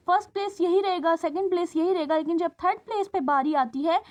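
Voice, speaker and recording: High-voiced woman teaching shorthand. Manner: patient, checks understanding often, stretches out sounds. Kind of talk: classroom lesson.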